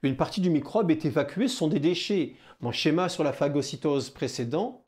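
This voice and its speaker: A man with a southwestern French accent teaching biology in a lively video lesson, talking straight to the viewer and answering his own questions. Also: a little high, normal speed. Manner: animated, addresses the viewer as "kid", rhetorical questions.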